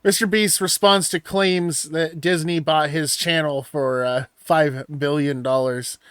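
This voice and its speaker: A young man co-hosting a casual podcast stream, talking loudly and excitably with plenty of swearing. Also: fairly high pitch, measured pace, clean tone, no echo, clean studio sound. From Washington State. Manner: loud, excitable, profane. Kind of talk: casual banter.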